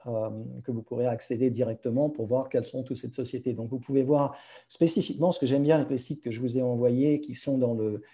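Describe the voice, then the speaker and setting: Over a remote video conference, a male guest speaker presents slides in French, hesitating and searching for words while mixing in practised English terms. His voice is medium-pitched and warm.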